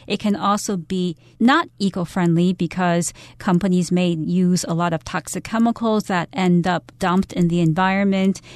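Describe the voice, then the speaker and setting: A woman co-hosting an English lesson, explaining in a measured, didactic way and restating phrases. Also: on the low side, a little mellow, dry recording. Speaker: English teacher, co-host.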